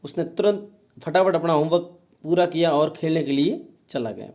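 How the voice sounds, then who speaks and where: A man with an Indian accent teaching a school English lesson, reading English lines slowly and explaining them in Hindi, often asking and answering his own questions. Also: on the high side, darkish tone. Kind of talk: bilingual classroom lesson, explaining and translating.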